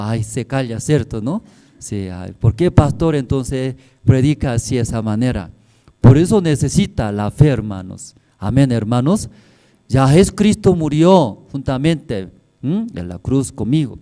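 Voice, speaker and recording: A man's voice: mid-range voice, dark tone. A male pastor preaching a sermon in simple, broken phrasing, checking in with the congregation constantly with tag questions.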